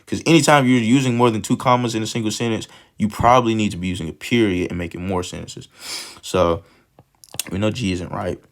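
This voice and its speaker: Sniffly male tutor, a bit low-pitched, relaxed and rambling as he walks through practice questions. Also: a little fast. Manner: casual, thinks aloud, stumbles and restarts. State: sniffly with a cold. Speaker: test prep tutor.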